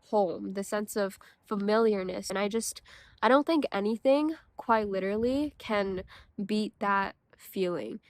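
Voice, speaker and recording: A Chinese teenage girl reflects in a personal vlog, thoughtful and hesitant, full of fillers and restarts. Her voice is medium in pitch and a bit slow, recorded with no room sound.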